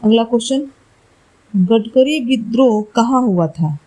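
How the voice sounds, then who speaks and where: Woman, exam-prep teacher; unhurried, dark-toned delivery; works through questions, fixes slips aloud. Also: on the high side, expressive, low-quality recording. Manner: slow, deliberate explaining, corrects herself aloud. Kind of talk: reading quiz answers for exam study.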